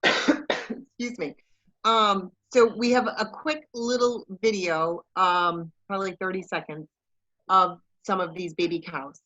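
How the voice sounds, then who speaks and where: A woman's voice: fairly low pitch, slow pace, bright, forceful tone. Chatty woman storyteller, video call, slightly dull lo-fi sound. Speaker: staff member sharing news. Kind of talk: casual video-call chat.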